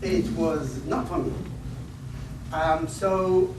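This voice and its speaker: In a lecture hall, an invited speaker in his fifties from northern Iraq begins his conference talk with rambling personal stories, joking at his own expense and restarting often. His voice is a little high and he draws out his words. The sound is echoey, picked up by a distant mic amid background noise.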